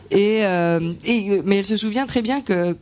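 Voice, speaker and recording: A woman interpreting a talk sentence by sentence, halting and searching for words as she goes. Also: mid-range voice, darkish tone. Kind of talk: consecutive interpretation into French.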